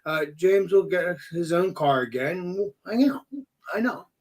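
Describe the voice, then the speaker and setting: Male, high-pitched, excitable, informal conversational delivery with emphatic repetition. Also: moderate pace. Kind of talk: casual chat.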